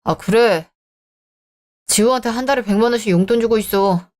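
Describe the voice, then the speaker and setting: A woman's voice: a little high, moderate pace, darkish tone, close to an everyday voice. A woman voicing a selfish young married man who talks in a dismissive, irritated way, in a dramatized story. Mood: scornful.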